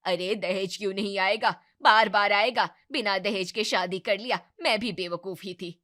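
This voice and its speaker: A woman plays a bitter, sharp-tongued mother-in-law in an animated family drama. She scolds in a harsh, dismissive tone, with her pitch in the middle range. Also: moderate pace, lightly acted. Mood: scolding.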